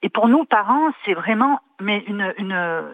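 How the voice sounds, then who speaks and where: A woman's voice: mid-range voice, expressive, unhurried, dry recording. A woman calling in to a radio show over the phone, talking earnestly with many hesitations. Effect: phone line. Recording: tinny phone line.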